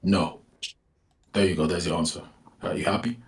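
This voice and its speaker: A man's voice sits very low, pitch-shifted down so it sounds unnaturally deep. He talks in a dismissive, combative way and swears freely. The audio is roomy and echoey, like a voice chat recording. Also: steady tone, moderate pace. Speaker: voice chat participant. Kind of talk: heated casual chat.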